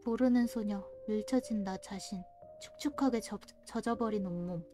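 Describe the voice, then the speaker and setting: A woman streaming a story game, reading its narration aloud in a steady storytelling voice. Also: mid-range voice, normal speed, soft background music. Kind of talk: let's-play reading game text aloud.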